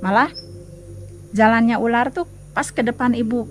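A woman's voice: a little high, moderate pace, music in the background. A woman earnestly telling a story in a casual interview outdoors. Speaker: local resident, interviewee.

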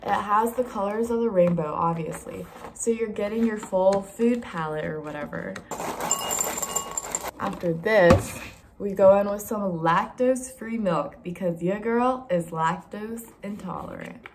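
A young woman gives a casual, wry vlog chat from a dorm room. She exaggerates in a self-mocking way, at a middling pitch. The camera recording carries faint noise. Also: a little slow. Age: young adult, college student. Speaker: student vlogger.

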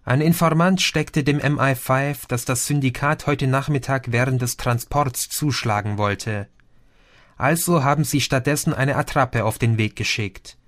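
A man voicing a calm young man who reports events in a matter-of-fact way. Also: mid-range voice, a little slow, lightly acted.

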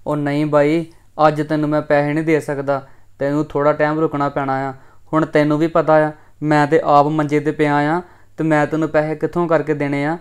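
A man's voice: fairly high pitch, completely flat delivery, fairly quick, clean tone, natural voice. An actor playing an injured, bedridden young man, weary and placating. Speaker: injured son.

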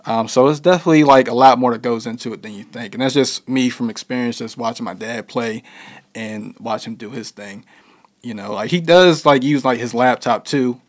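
A young man talks through an interview in an easygoing, unhurried way. His answers wander and loop back, padded with "you know" and "like". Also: mid-range voice. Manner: laid-back, heavy with fillers like "you know". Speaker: interview guest, musician. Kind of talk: casual interview conversation.

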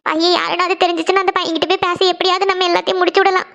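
A performer voicing a worried, tearful mother in a cartoon series, speaking slowly and anxiously about her daughter. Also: very high-pitched, flat delivery, vocal fry, bright, forceful tone, dull audio, full character voice. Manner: slow, anxious, sorrowful talk. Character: worried tearful mother, a woman's elder sister. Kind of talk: Tamil cartoon series dialogue.

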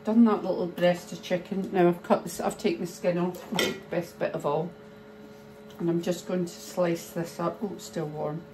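A middle-aged woman, chatting slowly and thinking aloud as she preps food in her home kitchen. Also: lowish voice, flat delivery. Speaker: cooking vlogger. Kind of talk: casual cooking chat. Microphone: phone camera held nearby. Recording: noisy home kitchen ambience.

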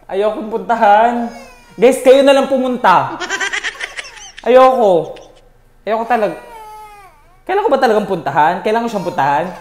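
Young male streamer, scared and scolding, lively jumpy pitch, echoey noisy room. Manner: jittery, scolds the game baby, laughs and yelps in fright. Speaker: gaming streamer. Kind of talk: nervous let's-play commentary. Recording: echoey room with noise behind.

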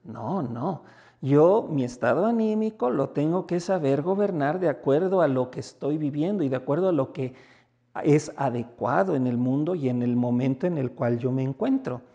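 A man's voice: moderate pace, highs cut off. A man with a Mexican accent, a priest giving a spoken reflection message in a conversational manner, sometimes acting out everyday dialogues. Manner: conversational, acts out little everyday dialogues with lively pitch jumps. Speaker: priest and basilica rector.

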